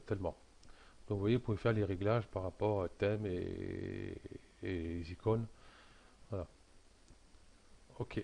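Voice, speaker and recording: Man, deeper voice, casual halting tutorial narration with lots of fillers, desktop mic. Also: creaky, a little mellow. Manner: hesitant, many fillers and restarts. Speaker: software tutorial maker. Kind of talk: casual screen-recorded software tutorial.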